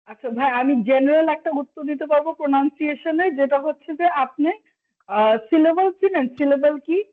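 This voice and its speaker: A high-voiced woman from Bangladesh leads an online exam-prep class, explaining patiently and apologizing when she must say no. Her voice comes through a thin, phone-like call line. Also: normal speed. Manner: polite, apologetic, explains step by step, mixes in English. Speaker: PTE instructor. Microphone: video call.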